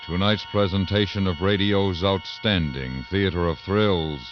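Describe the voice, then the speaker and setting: Loud music surrounds a man's very deep voice on a dull vintage radio recording. He is a 1950s show announcer, measured and portentous, with a dramatic delivery.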